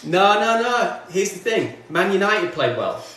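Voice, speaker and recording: Working away in his home studio, this northwest English music streamer chats on a livestream and responds to viewer comments. His voice sits high with big pitch swings, an unhurried pace and a pushed, bright quality. The distant, off-mic recording picks up heavy room echo and faint background noise.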